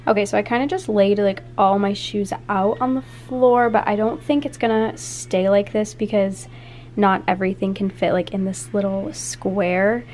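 A woman's voice: mid-range voice, fairly even intonation, normal speed. A woman in her twenties talking casually through a home vlog, rambling with lots of "like" fillers while filming on a handheld phone indoors. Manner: chatty, rambling, many "like" fillers. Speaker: vlogger. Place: apartment rooms and closet, indoors. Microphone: handheld phone camera.

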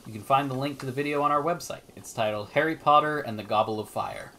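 A man's voice: mid-range voice, fast, pushed and bright, slight background noise. A man co-hosting a casual gameplay chat, joking around and giggling at his own bits. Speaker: co-host.

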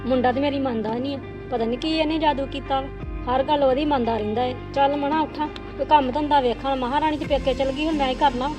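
Shrill, rapid, taunting mother-in-law in a Punjabi village drama, played by a woman; music underneath. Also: fairly even intonation, close to an everyday voice. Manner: nagging, taunting, quick. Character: jealous scolding older mother-in-law. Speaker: actor in family drama.

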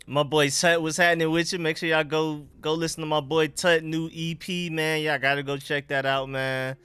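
A man's voice: a little high, level tone, normal speed, sharp tone, smooth, dry recording, soft background music. A young man hosting a casual sports livestream in slangy, informal talk, his speech slightly impeded by a dental retainer. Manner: informal, slangy, repeats greetings and catchphrases. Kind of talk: casual livestream chat, greeting viewers.

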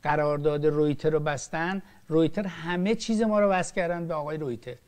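A man's voice: fairly high pitch, a little mellow, smooth. Older man, impassioned political talk. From Iran. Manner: emphatic, rising and falling sharply, frequent restarts. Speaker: film director.

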